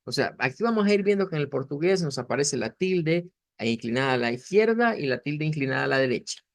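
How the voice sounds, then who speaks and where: A man teaching a beginner language lesson, explaining slowly and patiently, with many fillers and restarts. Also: a little high, lively intonation, no echo.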